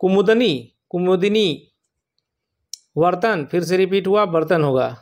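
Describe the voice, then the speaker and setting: An exam prep teacher with a fairly high male voice walks learners through a spelling lesson. He goes slowly and patiently, repeating every word several times so it stays with them.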